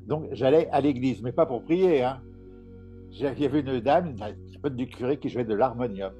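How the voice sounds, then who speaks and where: Man, middle-aged, mellow low-toned voice, casual storytelling, laughs a lot, faint music underneath. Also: normal speed. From Paris. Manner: chatty storyteller, laughs often, many restarts. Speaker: medium and author, interview guest. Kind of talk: casual conversational interview.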